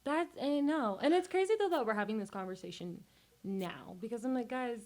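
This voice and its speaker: A young woman hosts a casual student podcast. She talks in a chatty, animated way, laughing often and jumping between thoughts. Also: fairly high pitch, brisk, poor audio. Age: young adult. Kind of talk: casual chat.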